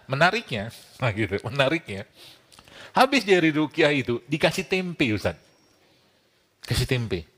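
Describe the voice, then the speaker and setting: A man giving a casual religious talk to an audience as a preacher and doctor. He tells lively stories, chuckles often and acts out the people he quotes. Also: mid-range voice.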